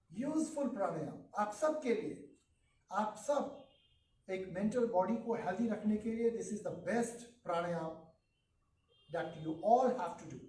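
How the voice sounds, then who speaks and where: A man teaching children a yoga breathing lesson in a calm, instructive way, mixing in English terms. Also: sits high, reverberant, distant mic, slight background noise, rough recording.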